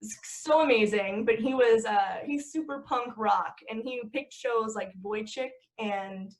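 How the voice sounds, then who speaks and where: Here a young actress in her twenties talks casually as a podcast guest, her voice a little high and her pace unhurried. She's chatty, laughs readily, and fills her speech with "like."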